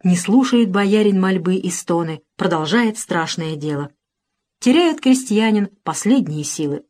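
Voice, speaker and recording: A woman storyteller reading a historical tale from a script. Her delivery is measured and dramatic, and she lingers on the grim moments of the story. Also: mid-range voice, lively intonation, a little mellow.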